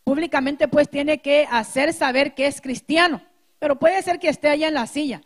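A woman pastor teaching a sermon to her congregation, speaking through a sore throat and pausing to clear it. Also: high voice.

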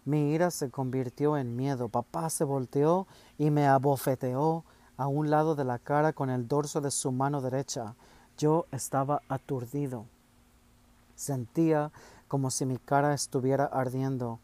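A man reading a first-person story aloud in a measured, steady way. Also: mid-range voice. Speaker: audiobook narrator.

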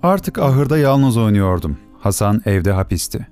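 A man narrating a story for an audiobook in a measured, expressive storytelling manner. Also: lowish voice, music in the background. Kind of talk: scripted narration.

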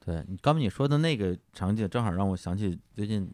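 A man's voice: fairly low pitch, lively intonation, fast talker, dark tone, dry recording. A man hosting a podcast, chatting casually and retelling scenes in detail. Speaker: podcast host.

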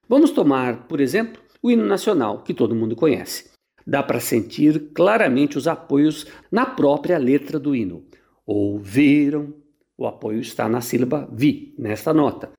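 A man's voice: on the high side, a little mellow. A man with a Brazilian Portuguese accent, a conductor answering listeners' questions on the radio in a patient, didactic way, now and then singing short melody examples.

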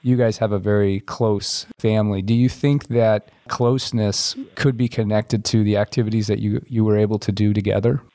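A man hosting a podcast interview, asking friendly, measured questions. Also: lowish voice, fairly even intonation, dark tone, no room sound. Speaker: podcast host.

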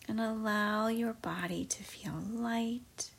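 A woman leads a guided meditation in a hushed, largely whispered voice. Her delivery is unhurried, and her tone carries a husky, gravelly edge. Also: on the high side, fairly even intonation. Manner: soft, slow, mostly whispered.

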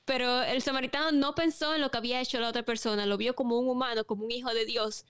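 A woman talks through a faith topic in a reflective, unhurried way, stopping and restarting her thoughts. Her voice sits a little high and comes across smooth and clear, recorded dry and close. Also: fairly even intonation, a bit bright, no room sound. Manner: reflective, with frequent restarts and pauses. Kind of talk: casual faith discussion.

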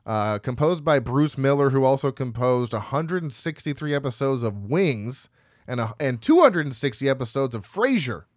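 Man, podcast co-host, rambling casual read of credits, mid pitch, dry close mic. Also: lively intonation, moderate pace, dry recording. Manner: rambling, laughs at himself, stumbles over names. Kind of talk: casual chat reading film credits.

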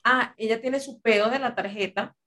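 A woman's voice: fairly high pitch, normal speed. Rambling woman telling a story. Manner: rambling, animated retelling with filler phrases. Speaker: podcast co-host. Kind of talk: casual storytelling chat.

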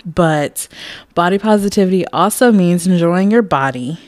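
A woman's voice: fairly low pitch, moderate pace, no echo. A woman in her late twenties talking candidly in a casual personal monologue, rambling and laughing often. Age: late 20s. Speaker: podcast host.

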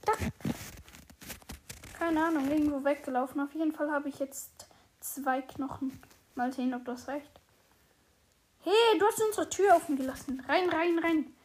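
Woman, very high voice, eager play-by-play gamer, a little background hiss. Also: normal speed, pauses often. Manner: excitable, narrates her own moves aloud. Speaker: podcast host playing a survival game. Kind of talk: casual gameplay chat.

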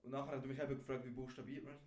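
A young man from Switzerland with a Swiss German accent, co-hosting a podcast and telling an animated, slangy story full of acted-out quotes. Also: mid-range voice, rapid-fire. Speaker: podcast co-host. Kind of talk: casual storytelling chat. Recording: roomy echo.

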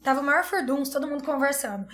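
A woman's voice: high-pitched, fast, fairly bright tone. A woman in her thirties, a pediatrician, telling an emotional personal story in earnest, tumbling bursts with repeated phrases.

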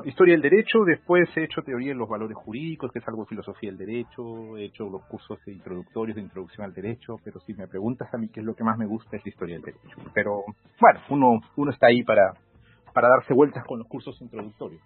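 A Peruvian man in his forties, with a Peruvian accent, appears as a law professor guest in a casual interview, speaking in a measured, reflective way with many fillers. His voice is lowish and husky, heard over phone-like call audio with soft background music.

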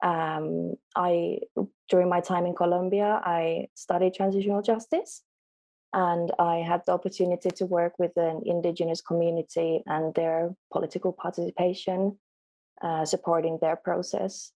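Woman, 20s, from Finland, Finnish native, lowish voice, gravelly, hesitant guest. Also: level tone, moderate pace, warm tone. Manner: hesitant, many ums. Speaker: guest, law student. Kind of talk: casual interview.

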